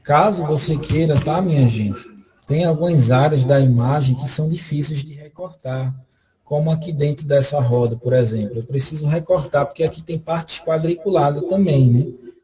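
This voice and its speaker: Man, software tutorial, very dark mellow tone, fairly high pitch, step-by-step explaining. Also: moderate pace, poor audio. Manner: explanatory, checks in often with tag questions. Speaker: software instructor. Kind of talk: screen-recorded tutorial.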